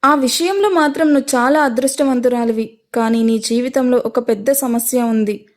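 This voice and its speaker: A woman's voice: fairly high pitch, normal speed, natural voice. A woman as a cool, knowing young woman. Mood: warning.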